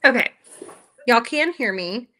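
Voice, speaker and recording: This is a woman hosting a live reaction stream from home, speaking into her laptop's built-in microphone. Her voice is bright and sits a little high, and she stays chatty and giggly, talking to her viewers as if they were old friends. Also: animated, unhurried. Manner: chatty, giggly, talks to her viewers while fixing her audio. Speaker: livestream host reacting to videos. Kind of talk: casual live-stream chat.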